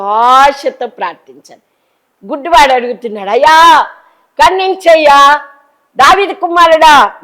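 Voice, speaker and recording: Impassioned woman preaching a sermon. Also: poor audio. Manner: impassioned, swings between loud cries and soft low asides.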